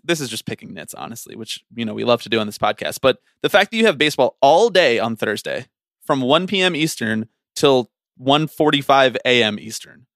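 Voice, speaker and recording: A man's voice: medium pitch, no echo, studio quality. A man co-hosting a podcast, chatting casually and ranting with teasing energy. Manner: animated, teasing, ranty. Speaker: podcast co-host.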